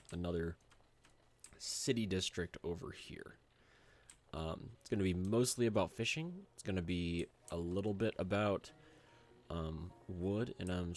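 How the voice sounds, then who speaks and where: This young gaming channel host has a low, rough voice made hoarse by a cold. He rambles chattily through his gameplay commentary into a desk mic, full of ums and uhs, with faint music underneath.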